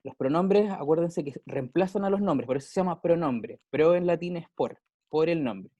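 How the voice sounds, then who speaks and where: This English teacher has a Chilean Spanish accent and a mellow, slightly high voice at normal speed. He explains grammar casually with everyday examples, checking in often with his pupils. The audio is dull, with no room sound.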